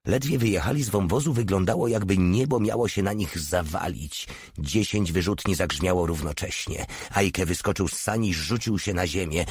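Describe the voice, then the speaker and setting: A man narrating an audiobook in a steady, measured reading voice. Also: low voice, slightly rough, no echo.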